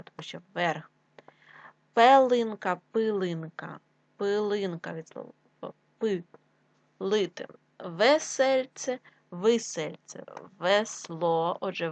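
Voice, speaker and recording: Slow, deliberate woman teacher, dry sound. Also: lowish voice, creaky, dry recording. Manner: drills word pairs, rising on each choice and dropping on the answer; slow and deliberate, with pauses for writing. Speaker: primary school teacher. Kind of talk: dictation-style lesson.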